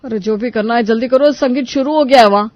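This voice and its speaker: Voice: mid-range voice, no room sound, dull audio, close to an everyday voice. A performer voicing an impatient young adult son in a cartoon story, talking in a hurry. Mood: hurried. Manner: hurried, pleading.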